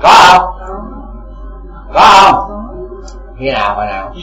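A man's voice: medium pitch, very animated, slow, sharp tone, echoey room, raised voice, faint music behind, low-quality recording. A man teaching Buddhist dharma to a congregation, asking rhetorical questions again and again.

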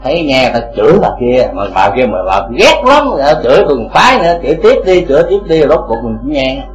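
A man's voice: medium pitch, big pitch swings, quick pace, echoey room, faint music behind, poor audio. A man teaching Buddhist dharma to a congregation, asking rhetorical questions again and again.

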